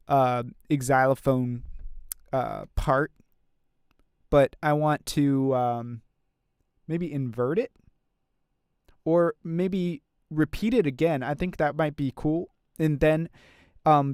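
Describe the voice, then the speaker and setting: This composer works on music during a live stream, musing casually and rambling with lots of filler words while he addresses chat and reads viewer messages. He speaks in a fairly high, clean voice captured in a dry, studio-quality recording.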